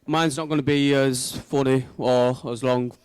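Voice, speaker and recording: A man gives an informal wedding speech like a brother addressing family and friends, sounding sincere and a bit hesitant. His mid-range voice is smooth and clear, fairly even in intonation and slightly slow, with very little echo.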